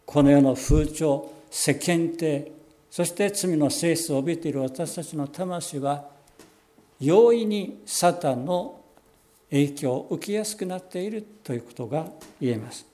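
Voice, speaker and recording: A pastor giving a sermon, explaining scripture in a measured way and slowing down on key phrases. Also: male voice, a little high, warm tone. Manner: measured, explanatory preaching with slowed emphatic phrases.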